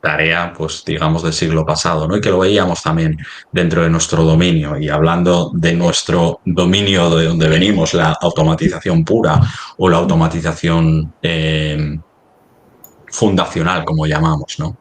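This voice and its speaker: Speaking in a rumbling low, level tone, a presenter from Spain with a Spanish accent takes part in a semi-formal webinar discussion. He gropes for words and speaks haltingly.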